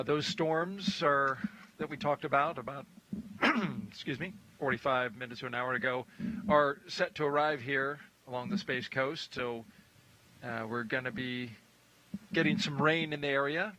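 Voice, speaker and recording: A man's voice: medium pitch, bright, forceful tone, low-quality recording. A man hosting a launch broadcast, giving live commentary in a conversational way.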